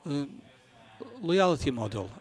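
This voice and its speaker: A man who is not a native English speaker gives a business conference presentation, halting as he searches for words. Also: fairly high pitch, very animated. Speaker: conference presenter for a banking software company.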